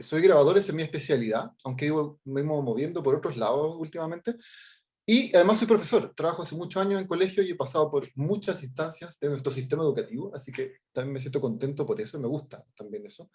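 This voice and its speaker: A middle-aged man, Chilean-accented, with a voice on the high side and a little mellow, presents his work over a video call. An artist and teacher leading a workshop talk, he speaks informally and hesitantly, restarting often, filling gaps, and asking "¿ya?" again and again.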